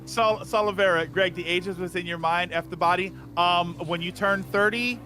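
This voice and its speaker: Thirties male co-host, bright higher voice, jokey banter over soft music. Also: steady tone, normal speed. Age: 30s. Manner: joking, talks over others. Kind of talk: casual chat on a gaming stream.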